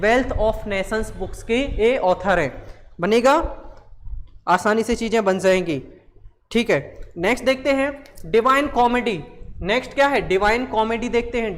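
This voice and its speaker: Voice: medium pitch, a bit bright, long reverb tail. A teacher giving a live exam-prep lesson, asking questions and answering them and repeating the key words.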